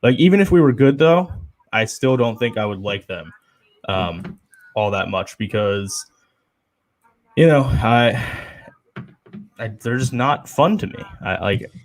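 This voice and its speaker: A young man co-hosting a casual sports chat show, rambling and opinionated with lots of fillers. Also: medium pitch. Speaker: podcast co-host.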